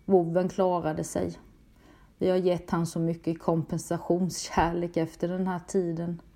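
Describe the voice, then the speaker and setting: Swedish-speaking woman, mellow halting testimony. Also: on the low side, flat delivery. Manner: halting, emotional retelling with repeated words. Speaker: storyteller recounting a personal experience. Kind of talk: personal testimony.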